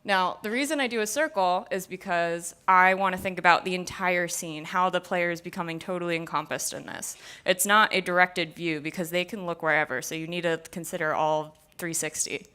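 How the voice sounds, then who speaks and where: A woman's voice: on the low side, a little fast, hardly any pauses, sharp tone, smooth. A young woman giving a casual conference talk on VR design, speaking into a stage mic and filling her sentences with "like.". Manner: casual, filler-heavy, many "like"s.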